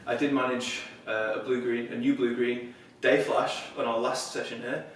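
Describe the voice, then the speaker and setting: A man's voice: mid-range voice, little pitch movement, moderate pace, a little hiss or hum. A man narrating casually while he climbs at an indoor bouldering gym, talking to himself between moves. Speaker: climbing vlogger. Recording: very echoey hall, distant mic, background music.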